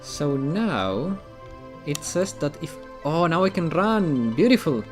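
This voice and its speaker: A man's voice: a little high, very animated, takes it slowly, soft background music. A man streaming video games, chatting casually and thinking aloud, often repeating his phrases. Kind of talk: casual live-stream chat.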